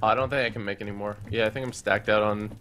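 A man's voice: fairly low pitch, fairly even intonation, fast talker, fairly bright tone, a little hiss or hum. A man playing a co-op survival game, talking casually and practically with mild exclamations. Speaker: co-op gaming partner. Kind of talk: casual let's-play chat.

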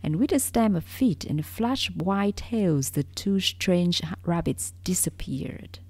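A woman storyteller reading a soothing bedtime story in a soft, hushed, half-whispered voice. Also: fairly low pitch, lively intonation, a little slow, no echo.

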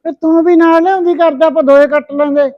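A woman's voice: extremely high pitch, fairly even intonation, fast. A middle-aged woman, playing a tired, patient mother-in-law in a village family drama. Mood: gentle. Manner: gentle, weary, calls her "son". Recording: dull lo-fi recording.

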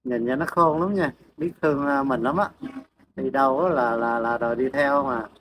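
A man's voice: medium pitch, normal speed, a bit bright, a little hiss or hum, rough recording. A man talking to his dogs in a casual farm vlog, coaxing them with repeated questions and then explaining to viewers. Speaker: farm pet vlogger. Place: outdoors at a farm home. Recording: outdoor ambience and animal sounds behind.

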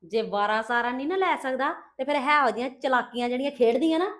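A woman's voice: high-pitched, quick pace, a bit bright. A woman acting a scheming young wife in a family skit, talking in a taunting, scolding way. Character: scheming young wife Pooja, boastful and sharp-tongued. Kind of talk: scripted family drama.

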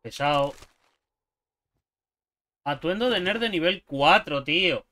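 A young man giving jokey, excitable commentary while playing a survival game, yelping at sudden scares. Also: fairly high pitch, slow pace, a little hiss or hum. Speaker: gaming YouTuber. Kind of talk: gameplay commentary.

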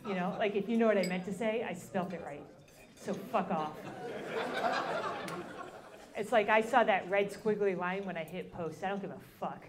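A woman's voice: mid-range voice, moderate pace, pauses often, crowd noise. A woman performing a stand-up comedy set on a club stage into a handheld mic, dry and self-deprecating, casual with lots of fillers. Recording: live audience laughter.

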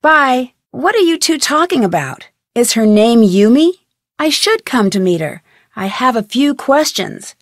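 A young female sleuth from a mystery video game. Her voice is fairly high and recorded dry and close. She speaks in a friendly, polite and inquisitive way, with clearly articulated scripted lines. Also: very animated, a little slow, no echo. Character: Nancy Drew, curious, polite young female amateur detective.

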